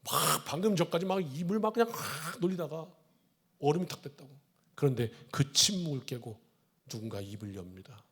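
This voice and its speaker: Man, pastor, sermon, high voice, very lively pitch, church sanctuary, acts out dialogue. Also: fairly quick, breathy edge.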